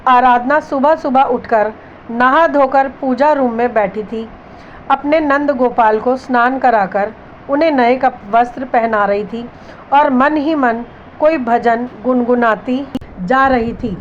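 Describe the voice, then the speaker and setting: Woman storyteller, high voice, dramatic story narration, slightly dull sound, faint background hiss. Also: slow. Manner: voices the characters' dialogue within the narration.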